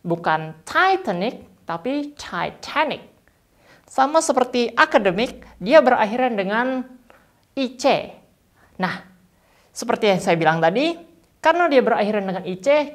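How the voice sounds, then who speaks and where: Lively woman teaching English pronunciation. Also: fairly high pitch. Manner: slow, stretched model words between quick explanations. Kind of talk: friendly online lesson.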